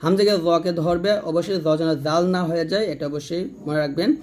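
Man slowly spelling out recitation sounds. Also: on the high side, background noise. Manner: patient, repeats syllables slowly, drawing out sounds. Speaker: Quran recitation teacher. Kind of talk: slow letter-by-letter pronunciation lesson.

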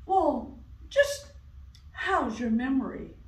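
A woman voicing a bossy male elephant who lectures in a loud, sing-song way. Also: fairly high pitch, big pitch swings, slow, exaggerated voice. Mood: lecturing. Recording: roomy, from a distance.

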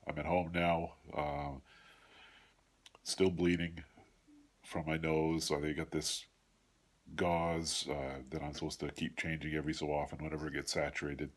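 A middle-aged man with a congested, stuffed-up nose talks haltingly in a casual video diary, recorded at home on a phone at arm's length. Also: a bass voice, level tone. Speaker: vlogger giving a surgery recovery update. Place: home room with a large window, indoors.

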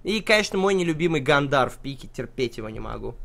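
A man's voice: mid-range voice, sing-song, fast talker, creaky, fairly bright tone. Sarcastic man commentating a game. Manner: sarcastic, mocking, swears freely. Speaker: esports commentator and stream host. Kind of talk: casual game commentary with banter.

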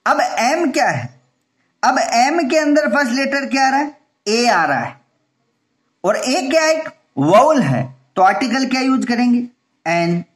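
A man's voice: very high-pitched, big pitch swings, unhurried. A male teacher giving a grammar lesson, explaining step by step and answering his own questions.

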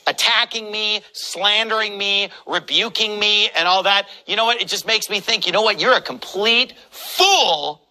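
A male pastor preaching with a high, bright voice that has a hard, forceful edge. He delivers his sermon combatively, mocking his opponents and hammering every point home. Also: normal speed, hardly any pauses, low-quality recording.

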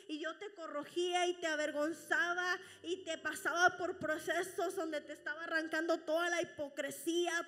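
A woman preaching a sermon, emotional and near tears, rising to loud impassioned preaching. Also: very high-pitched. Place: church hall. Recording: reverberant church hall.

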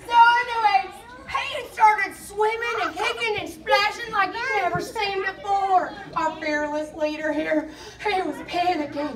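A woman playing a goofy explorer sidekick in a church kids' skit, with a squeaky, very high put-on voice and giggles through her telling. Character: goofy, giggly explorer sidekick who snacks on bugs and mushrooms. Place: large church hall. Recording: echoey hall, far mic, loud kid audience.

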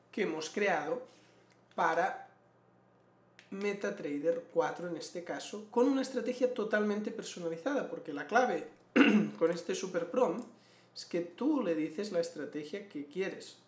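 A man, walking through a screen-share tutorial and clearing his throat often. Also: sits high, expressive, takes it slowly, pauses often. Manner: explanatory, frequent throat clearing. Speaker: trading educator. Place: small room indoors. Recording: roomy echo.

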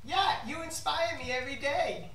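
A man's voice: very high voice, expressive, normal speed, sharp tone, recorded from a distance, heavily acted. A man playing an innocent, adoring six-year-old boy superfan in a stage comedy sketch. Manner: innocent, gushing. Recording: echoey theatre from afar, noisy.

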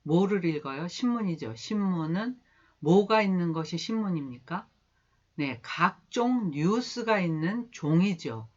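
Woman English teacher, unhurried pronunciation drills, muffled low-fidelity lesson audio. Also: lively intonation, a little mellow. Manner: asks the class questions and answers them herself; drills pronunciation slowly, word by word, inviting repetition. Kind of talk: recorded beginner English lesson. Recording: dull lo-fi lesson recording.

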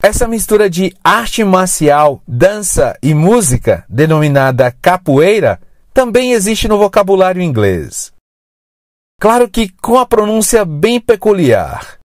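A teacher speaking slowly with a lively, rising and falling pitch. The recording is dry and close, with no room sound. Each word is stretched out and spoken clearly for the listener to repeat. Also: no room sound. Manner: slow, clear, drawn-out word modelling. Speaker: English teacher. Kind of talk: scripted lesson narration.

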